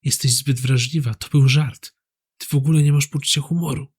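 A man's voice: medium pitch, steady tone, a little fast, a little mellow, husky. A man voicing a dismissive, blame-shifting grown man who sounds defensive and scornful.

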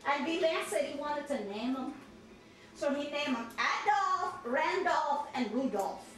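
A woman with a Cajun accent telling comic stories and bantering at a house party, animated and folksy, acting out the dialogue. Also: sits high, a little slow. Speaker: comedian hired to entertain at a house party. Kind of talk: comic storytelling with audience banter. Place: crowded living room at a party. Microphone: camera across the room. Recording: echoey living room, distant camera microphone.

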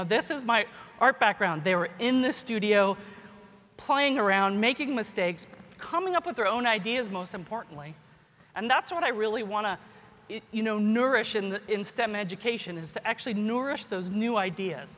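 In a large conference hall, a woman who is a scientist and teacher gives an informal keynote, her voice a little high and a bit bright, often tossing in "right?" and "you know." The echoey hall adds long reverb.

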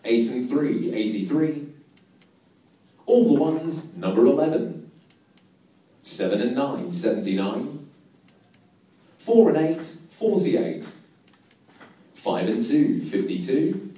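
A man's voice: mid-range voice, sing-song, slow pace, long pauses, warm tone. A young man in his twenties calling bingo numbers in a sing-song, patterned manner as the host. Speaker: bingo caller, show host. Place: large bingo hall, indoors. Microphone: handheld mic over hall speakers, filmed from nearby. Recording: echoey hall PA, far from the mic.

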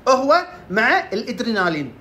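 A woman's voice: a little high, sing-song, brisk, fairly bright tone, a little hiss or hum. A woman giving casual health tips, asking and answering her own questions as she goes. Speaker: herbal health presenter.

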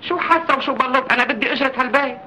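An actor playing a middle-aged, aggrieved landlord with a Levantine accent, scolding and rambling indignantly in an old film comedy. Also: male voice, very high voice, rapid-fire, bright, forceful tone, exaggerated voice. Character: blustering, stout, aggrieved landlord, comically long-winded. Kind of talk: 1940s film comedy acting. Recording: noisy old film soundtrack.

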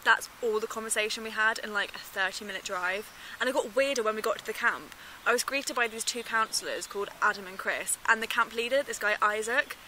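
An anxious actress as a young woman confides to her handheld camera in a found-footage film. Her voice sits fairly high and she speaks emphatically, worried and determined. There is faint noise around her. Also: a little fast, sharp tone, rough recording. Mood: uneasy, confiding. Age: 20s. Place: small room, then outdoors in bare woodland. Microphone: handheld camera at arm's length.

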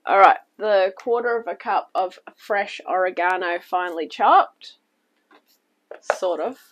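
Speaking a little slowly at medium pitch, a New Zealand woman guides viewers through a recipe step by step on her home cooking show. She sounds chatty and comforting but still slightly unwell, coughing now and again, and the kitchen-table recording is rough.

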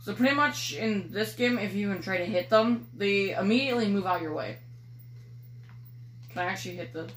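A teenage girl casually commentating a driving game she films with her phone in a dark room at home, rambling and teasing with casual swearing. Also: mid-range voice, brisk. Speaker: gaming video creator. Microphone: phone filming a screen. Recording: echoey room with faint noise.

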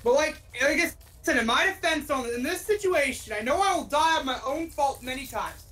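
A young adult woman chatting casually while playing a co-op game, excitable one moment and apologetic the next. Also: high voice, rough recording. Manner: excitable and apologetic, quick bursts. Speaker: co-op game player. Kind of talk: casual gaming chat.

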